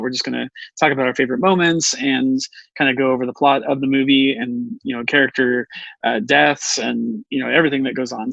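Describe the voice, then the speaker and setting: A man's voice: medium pitch, gravelly, fairly bright tone, no echo, muffled recording. Guy cohosting a podcast, rambly, lots of um and uh, dry close mic. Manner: rambling, full of fillers and restarts. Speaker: podcast co-host. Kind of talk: casual podcast chat.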